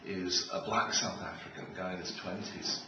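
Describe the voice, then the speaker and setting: This middle-aged man from Israel delivers a comic keynote with anecdotes, his deep voice moving at a moderate pace with fairly even intonation and a wry, joking tone. A far-off mic picks him up in a large, noisy, echoing hall before an audience.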